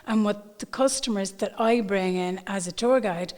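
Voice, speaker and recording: Animated Irish tour guide woman. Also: mid-range voice, normal speed, in a large hall. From Ireland. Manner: animated, emphatic, repeats for stress. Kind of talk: panel discussion. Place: old brewery building, large room.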